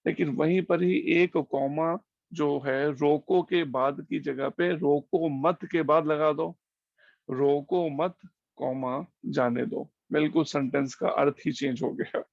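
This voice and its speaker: Slow, gravelly-voiced man teaching scripture. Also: on the high side, steady tone, no room sound, lo-fi sound. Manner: slow, explanatory, with homely examples. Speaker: preacher. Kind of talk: devotional scripture class.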